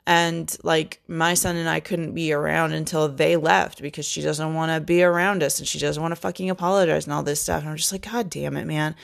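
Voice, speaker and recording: Gravelly-voiced woman venting bluntly. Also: sits low, flat delivery, brisk, few pauses. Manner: blunt, profane, rambling. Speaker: podcast host. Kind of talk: casual venting monologue.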